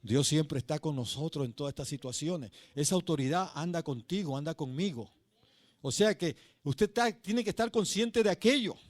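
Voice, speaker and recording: A male pastor preaching a sermon. He tells a story with passion, swinging between loud and hushed, and calls his listeners brother. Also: on the high side, expressive, moderate pace, dry recording.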